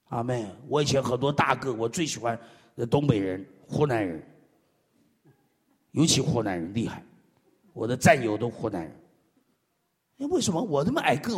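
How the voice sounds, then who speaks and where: A man preaching a sermon, swinging between loud exclamations and low murmured amens. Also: husky. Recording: echoey hall.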